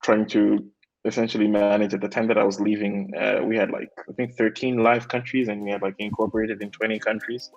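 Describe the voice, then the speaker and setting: A man's voice: on the low side, brisk, gravelly, dull audio, soft background music. A young man from Malawi, a tech guest speaking casually in an interview with lots of fillers. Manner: relaxed, many fillers like "like" and "um".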